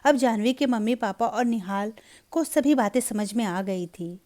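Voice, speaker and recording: A woman narrating a Hindi story in an even, measured storybook reading. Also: fairly high pitch.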